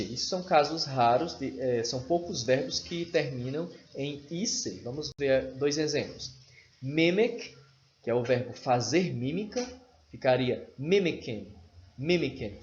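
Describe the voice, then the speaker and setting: A man teaching an English grammar lesson, patiently repeating examples and spelling out letters. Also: fairly high pitch. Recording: roomy, dull lo-fi with faint noise.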